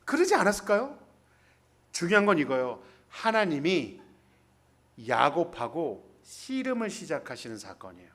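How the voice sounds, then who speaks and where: This pastor's voice is high, pushed and bright as he gives a joking, conversational storytelling sermon in a church in Hanoi. He acts out the dialogue by voicing each character.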